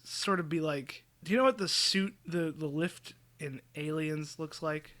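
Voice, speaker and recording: A man's voice: on the high side, sharp tone. A man co-hosting a podcast, brainstorming in a casual chat and cracking sarcastic jokes. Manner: sarcastic, quick to joke. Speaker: podcast co-host.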